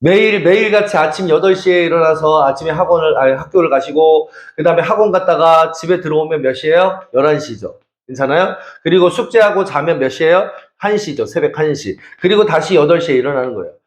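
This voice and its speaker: Brief: middle-aged male academy teacher, high voice, playful teasing lecture, roomy classroom. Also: brisk, hardly any pauses. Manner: teasing, checks for understanding constantly. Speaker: math and science academy teacher.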